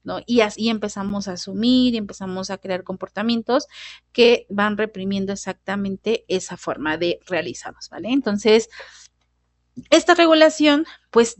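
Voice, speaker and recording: A woman with a mid-range voice, recorded without echo, teaches a lecture on emotions. She keeps it casual and conversational, often tossing in tag questions like "¿no?" and "¿vale?".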